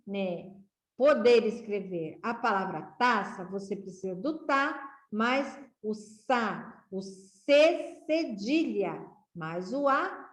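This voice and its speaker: Slow, patient woman teacher. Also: on the high side. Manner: slow, patient, encouraging, coaxing "let's go"; sounds out syllables one by one. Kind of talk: children's literacy lesson. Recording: echoey room.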